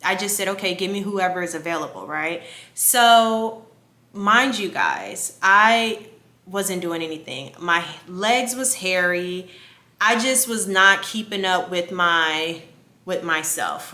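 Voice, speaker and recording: A woman's voice: mid-range voice, sharp tone, roomy sound. A young woman, telling a candid story in a casual vlog, swearing freely and laughing as she talks. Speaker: vlogger.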